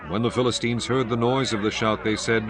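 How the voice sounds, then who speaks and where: A man reading scripted scripture narration in a solemn, measured manner. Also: medium pitch, steady tone.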